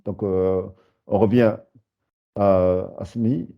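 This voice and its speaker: A man's voice: low voice, fairly even intonation, vocal fry. Patient man teaching, dull lo-fi sound. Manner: patient, repeats and spells out syllables slowly. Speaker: Arabic teacher. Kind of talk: live beginner language lesson. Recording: dull lo-fi recording.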